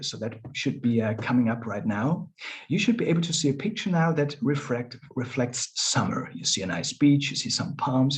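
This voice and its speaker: A man's voice: mid-range voice, a little mellow. A middle-aged man, a coach, presenting in a friendly, loose way on a webinar. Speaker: coach and former manager. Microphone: video call.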